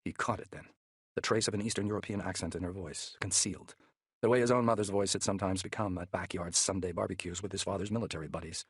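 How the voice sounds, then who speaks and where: A man narrating a thriller audiobook in a measured, steady way, close to the mic. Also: low-pitched, husky, no echo.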